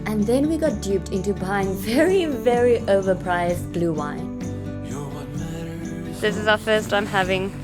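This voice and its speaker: A South African travel vlogger, a young adult woman with a mid-range voice, narrates and chats casually at a measured pace. There's music behind her.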